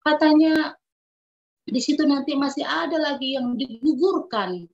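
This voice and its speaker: A woman's voice: high-pitched, a little slow. A middle-aged woman giving an emotional personal testimony as a mother, speaking fervently and earnestly and often repeating herself. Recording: dull lo-fi recording.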